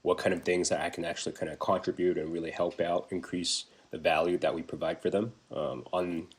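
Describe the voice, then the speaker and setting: A man's voice: sits low, steady tone, brisk. A young man, a business development manager, answering interview questions casually over a video call, with plenty of fillers and restarts. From Taiwan. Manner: chatty, many fillers and restarts. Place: remote video call, at home.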